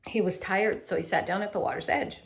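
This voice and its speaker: A woman with a mid-range voice reads a children's picture book briskly, animated and expressive. She drops in little asides for her young listeners.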